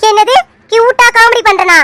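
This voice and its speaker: A woman voicing Poomari, a playful and quick-tempered young village woman in an animated serial, who argues in rapid, indignant bursts. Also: very high voice, slight background noise. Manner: indignant, rapid back-and-forth arguing. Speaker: cartoon character.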